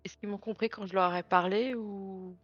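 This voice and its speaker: A female tabletop player improvises her character's lines and chats casually with the table. Her voice is mid-pitched, the sound a little dull, with quiet music behind. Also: steady tone, normal speed. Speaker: player in a tabletop role-playing game.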